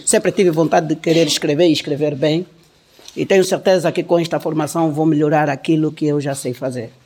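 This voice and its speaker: Earnest male activist, hesitant self-introduction, fairly high. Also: fairly even intonation, brisk, darkish tone. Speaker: activist, workshop participant.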